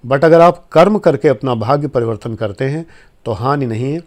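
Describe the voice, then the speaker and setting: A man's voice: medium pitch, moderate pace, darkish tone. A man in his fifties from India, giving an informal spoken lecture to viewers in an earnest, admonishing way. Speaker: life coach and former administrator.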